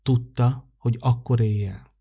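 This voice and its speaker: Husky man reading a children's story. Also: mid-range voice, dull audio. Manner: calm, measured narration. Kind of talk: read-aloud children's story.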